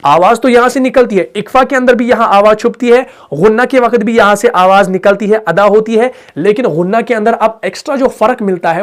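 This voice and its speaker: High-voiced man teaching recitation patiently. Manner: patient, repeats points, asks checking questions; demonstrates sounds aloud. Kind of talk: explanatory lesson.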